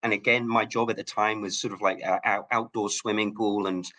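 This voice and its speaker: A man's voice: on the low side, little pitch movement, bright, forceful tone. A man from Hong Kong, a guest telling stories in a casual interview, often restarting his words. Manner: rapid, with frequent word restarts. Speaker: guest, local relic hunter.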